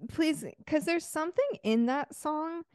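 Higher-voiced woman co-hosting a chatty podcast. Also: measured pace, a little mellow, no echo, clean studio sound. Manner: playful, laughs easily. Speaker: podcast co-host. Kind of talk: casual chat.

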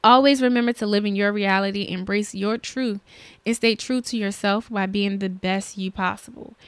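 A woman's voice: medium pitch, steady tone, moderate pace, clean tone, dry recording. A woman hosting her own podcast, talking in an earnest, chatty, motivational way about her schedule and her goals. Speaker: podcast host. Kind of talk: solo podcast monologue.

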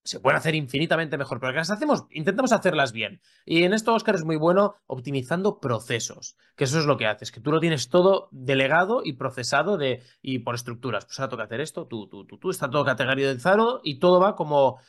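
A man's voice: a little high, lively intonation, fast, few pauses, fairly bright tone. A man co-hosting a casual podcast, who breaks in with chatty asides. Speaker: podcast co-host. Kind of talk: casual chat.

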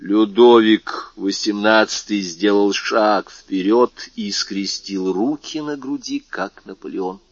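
A man narrating a classic novel in a measured, steady audiobook reading. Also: lowish voice, no echo, lo-fi sound.

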